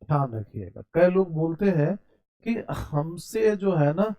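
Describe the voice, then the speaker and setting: This male teacher speaks slowly in a fairly high, mellow voice with big pitch swings as he leads a spoken English grammar lesson. He breaks things down step by step, answers his own questions to the students, spells words letter by letter, and calls the listener "brother."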